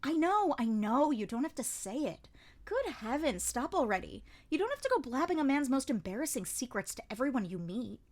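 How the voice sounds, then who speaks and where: A woman's voice: high voice, very animated, normal speed, pitched above the performer's own voice. A woman reading a shameless scheming nobleman. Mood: wheedling. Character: scheming young noble man, smooth and shameless.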